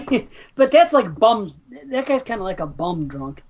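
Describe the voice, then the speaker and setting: A woman co-hosting a podcast, casually retelling horror film scenes with a relaxed, profane manner. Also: mid-range voice, moderate pace. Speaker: podcast co-host. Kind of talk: casual film review chat.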